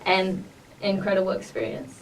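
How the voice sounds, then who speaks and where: Animated and at a moderate pace, a young woman with a New York accent chats as a guest artist in a laid-back podcast interview. Her voice sits mid-range, she's upbeat and filler-heavy, and the mic is distant with slight noise.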